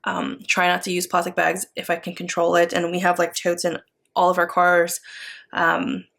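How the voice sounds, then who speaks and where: A woman's voice: on the low side, completely flat delivery, moderate pace, creaky, a bit bright. A woman with an American accent chatting casually as she works, rambling and thinking aloud as a craft vlogger. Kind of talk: casual chat while working.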